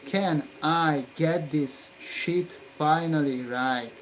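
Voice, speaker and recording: A hobbyist maker muttering and cursing angrily at his work while soldering, with low grumbling broken by sudden loud outbursts. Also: drawn-out words, slight background noise, poor audio.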